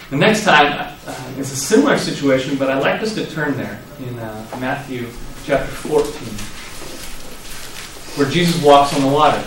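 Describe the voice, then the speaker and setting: A man preaching a sermon, telling the story vividly and acting out the quoted lines with sudden loud rises. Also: on the high side, slight background noise. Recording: echoey hall, voice from far off.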